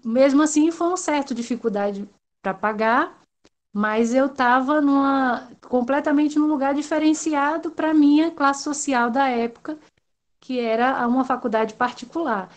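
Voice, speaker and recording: A woman's voice: high-pitched, measured pace. A woman from Salvador, talking in a rambling, hesitant way with many fillers during an online class discussion. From Salvador, Brazil.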